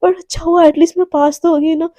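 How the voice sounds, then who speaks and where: A woman voicing a moody, scornful young college woman who bursts out in excited, high-pitched lines. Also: quick pace, dry recording, studio quality.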